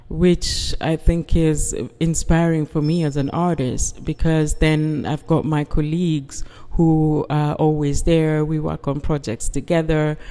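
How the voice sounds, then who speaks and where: A reflective guest artist from the UK speaks slowly and thoughtfully, weighing each phrase. The tone is mellow and dark. The voice carries a long, hall-like reverb. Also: medium pitch. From United Kingdom. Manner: slow, measured, reflective. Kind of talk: interview conversation.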